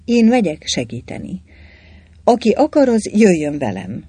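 A reader voicing a bold, mysterious man who gives brisk orders, in a storybook reading. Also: mid-range voice, wildly swooping pitch, dark tone, slightly rough, dry recording. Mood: commanding.

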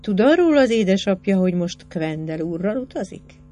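A woman's voice: mid-range voice, big pitch swings, mellow, a little hiss or hum, lightly acted. A woman reading aloud plays a curious young male senator who probes and mocks as he questions a girl. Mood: sly. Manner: probing and mocking.

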